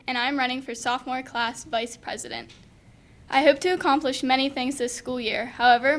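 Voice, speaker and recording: A woman's voice: high-pitched, a bit bright. A teenage female student reading a scripted campaign speech as an election candidate.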